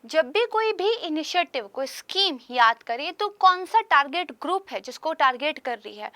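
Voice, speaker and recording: A woman's voice: high voice, bright, forceful tone, no room sound. A young woman teaching current affairs for exam preparation, explaining each point and often checking in with "right?" and "okay".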